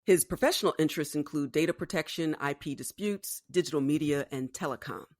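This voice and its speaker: A woman's voice: low voice, brisk, darkish tone, no echo, clean studio sound. A woman hosting a podcast, reading an upbeat scripted intro and then chatting with her guest. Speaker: podcast host.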